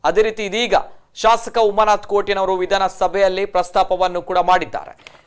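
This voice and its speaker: A man's voice: high-pitched, flat delivery, normal speed, clear, resonant tone. A man reporting the news and interviewing a caller by phone, in a formal manner that repeats set phrases.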